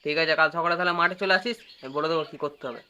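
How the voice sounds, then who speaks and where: Man playing a gruff old village grandpa. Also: fairly high pitch, racing, a crowd in the background, close to an everyday voice. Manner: bossy, curses, checks with repeated tag questions. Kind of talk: comedy sketch acting.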